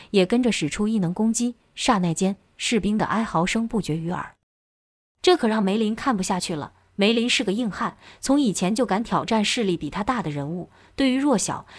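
A woman reads a novel chapter aloud in a steady, even storytelling manner. Her voice sits at an ordinary middle pitch. The recording is dry and close, with no room around her. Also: dry recording. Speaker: narrator. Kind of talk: novel audiobook narration.

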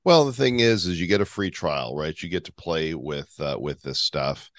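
A man's voice: deep voice, animated, moderate pace, a bit bright, no room sound, studio quality. A man co-hosting a podcast, easygoing, prompting his partner and reacting as they chat. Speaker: podcast co-host. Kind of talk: casual chat.

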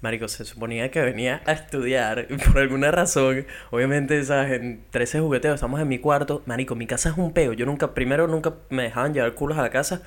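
A man's voice: mid-range voice, fairly quick, few pauses. A young man with a Venezuelan accent, co-hosting a casual podcast chat and telling stories with lots of laughter. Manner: animated storytelling, laughs often. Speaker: podcast co-host.

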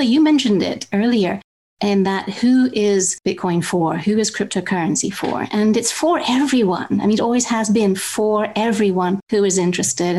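A woman's voice: medium pitch, darkish tone. A woman from Zambia speaking earnestly as a crypto expert guest in a panel discussion.

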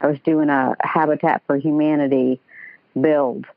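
A woman's voice: deep voice, little pitch movement, moderate pace, vocal fry, no room sound. A woman calling in to a radio show over the phone, chatty and a bit hesitant with light laughs. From United States. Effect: phoned-in caller on a radio show. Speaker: caller. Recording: tinny phone line.

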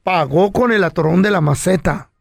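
A Mexican man hosting a comedy podcast, telling a story loudly and theatrically. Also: high-pitched, moderate pace, creaky, dry recording, studio quality. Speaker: podcast host.

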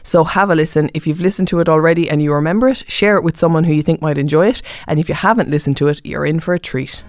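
A woman's voice: sits low, fast talker, dry recording. A woman hosting a podcast, talking in a chatty, informal way and thinking aloud with small fillers. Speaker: podcast host. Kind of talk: casual podcast intro and interview.

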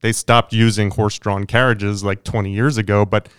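A man co-hosting a podcast, telling an anecdote in a relaxed, soft-spoken way. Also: fairly low pitch, moderate pace, clear, resonant tone, no echo, studio quality. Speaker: podcast co-host. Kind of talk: casual chat.

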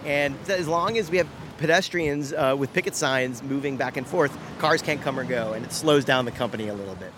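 A man's voice: medium pitch, a little fast, hardly any pauses. A man, a TV writer and strike captain, speaking casually in an interview on a picket line outside. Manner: casual, plain-spoken, with fillers. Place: outdoors by a studio gate on a city street. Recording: outdoor field recording with traffic noise.

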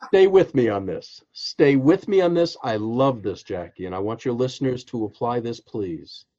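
A man telling a story on a podcast as a guest coach, acting out the quotes with lively laughs. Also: medium pitch, moderate pace, lo-fi sound. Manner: animated storyteller, acts out quotes, frequent laughs.

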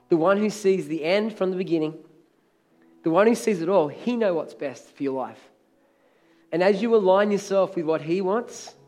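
A middle-aged male pastor preaches a sermon, repeating himself with energy and emphasis. His voice is hoarse, crackly, and a little high.

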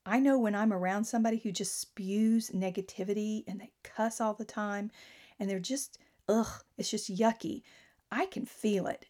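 A woman speaks in an earnest, conversational way, giving an inspirational talk to listeners. Her voice is mellow and warm, at a middling pitch for a woman.

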